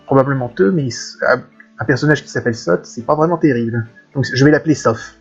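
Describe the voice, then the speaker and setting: A man's voice: medium pitch, brisk, breathy edge. A man giving casual, chatty commentary on a video game and thinking aloud in asides. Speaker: let's play gamer. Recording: dull lo-fi with faint game music.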